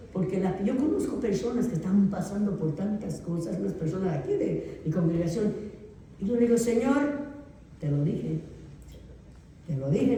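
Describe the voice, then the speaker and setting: A woman pastor teaching a theology class in a relaxed, conversational way, often checking that her students follow. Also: a little high, a little hiss or hum. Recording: echoey room, voice picked up from far off.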